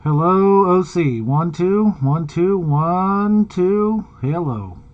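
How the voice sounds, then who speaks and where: Guy coming through a mistuned sideband cb, kinda high voice, dull muffled radio sound. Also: lively intonation, slow pace. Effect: mistuned sideband CB radio transmission. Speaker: CB radio operator. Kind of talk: radio check over CB. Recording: muffled CB radio with loud static.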